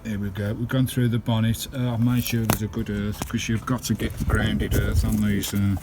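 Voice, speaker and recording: Over a noisy background, a lowish English-accented man speaks at a moderate pace with little pitch movement. He's showing viewers his hands-on campervan radio installation around the parked van, keeping it colloquial, chatty and matey, recorded through a handheld camera microphone.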